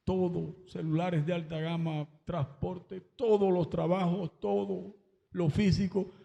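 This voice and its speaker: A man's voice: high-pitched, level tone, takes it slowly, creaky, dark tone, in a large hall, lo-fi sound. A man giving an emotional religious testimony at a church service, breaking into exclamations of praise.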